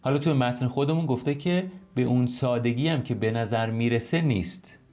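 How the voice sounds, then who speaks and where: Male English teacher, mid pitch, patient explainer who slows down for example sentences. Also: a little mellow, faint music behind. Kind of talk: online language lesson.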